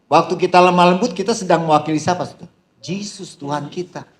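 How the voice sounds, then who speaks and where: A man preaching at a seminar in a lively, animated style, calling out to the crowd and shouting some punchlines. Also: high voice, fast talker. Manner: addresses the crowd as "Saudara", calls out "haleluya". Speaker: pastor. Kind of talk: seminar sermon.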